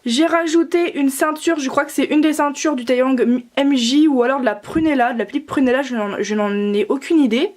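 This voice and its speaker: A woman's voice: high voice, a little mellow. A young woman casually presenting her doll outfits in a chatty, rambling way, with many fillers and self-corrections. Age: young adult. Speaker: doll collector vlogger. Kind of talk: casual show-and-tell narration.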